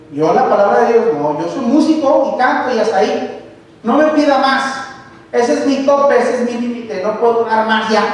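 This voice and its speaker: A man's voice: very high-pitched, slight background noise. A man preaching a conversational sermon in a church, often asking the congregation direct rhetorical questions. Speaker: lay preacher. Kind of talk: conversational sermon with personal testimony. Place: church sanctuary. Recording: distant mic in a reverberant hall.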